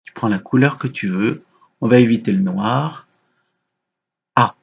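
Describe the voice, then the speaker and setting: A man teaching young children a remote lesson, giving slow, patient, gentle instructions. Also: medium pitch, creaky, slightly rough, muffled recording. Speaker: kindergarten teacher.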